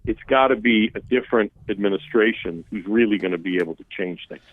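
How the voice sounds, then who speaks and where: With a lowish voice and a fairly quick pace, a policy expert whose native language is Armenian covers immigration on a political talk radio interview. He is emphatic and conversational, often restarting, and his phone-line audio is dry.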